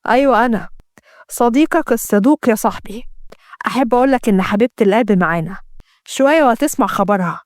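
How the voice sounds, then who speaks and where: A woman's voice: fairly high pitch, lively intonation, fast, dry recording, studio quality, natural voice. A woman with an Egyptian accent voicing a bitter, jealous male villain who speaks in a spiteful, menacing way. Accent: Egyptian Arabic.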